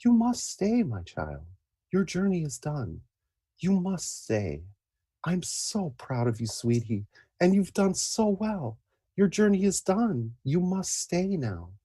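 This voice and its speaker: A man voicing a soft, comforting mother in a fantasy tale, gentle and soothing. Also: sits high, very animated, slow pace, voice pushed up, heavily acted. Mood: tender. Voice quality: soft, husky.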